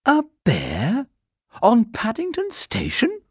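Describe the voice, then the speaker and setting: A man voicing an astonished middle-aged wife who exclaims in a shrill, rising voice. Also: huge pitch swings, takes it slowly, breathy edge, dry recording, clean studio sound, full character voice. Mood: disbelieving.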